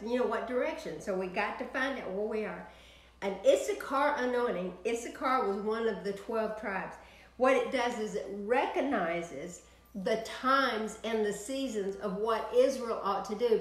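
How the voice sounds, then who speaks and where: The room is reverberant and the recording rough as an older woman minister, Texan by accent, preaches a prayer broadcast sermon online from her home office. Her voice sits on the high side, and she's animated, gesturing widely with her hands.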